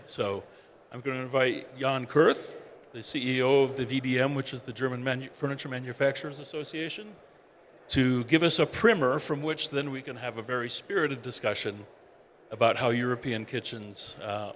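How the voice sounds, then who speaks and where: Male journalist moderator, conversational, mid pitch, faint background noise. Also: fairly bright tone. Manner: conversational, some fillers and restarts. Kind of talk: panel moderation. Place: exhibition hall stage.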